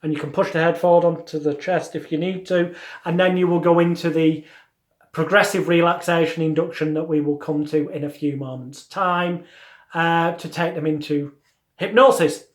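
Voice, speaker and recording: Guy with a highish voice teaching a lesson, deliberate emphatic phrasing, lots of room echo. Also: fairly even intonation. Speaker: hypnotism instructor. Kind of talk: instructional lesson with demonstrated patter. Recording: roomy, echoey sound.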